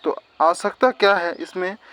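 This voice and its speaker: A man's voice: sits high, moderate pace, a bit bright, no echo. A male teacher gives an exam-prep grammar lesson, explaining step by step and repeating definitions.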